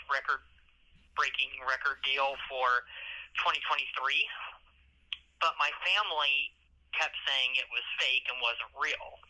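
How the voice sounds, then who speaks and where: A man talking from jail over a prison phone line, rambling and halting with frequent restarts. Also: medium pitch, pushed and bright. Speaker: inmate calling from jail. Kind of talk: casual phone conversation.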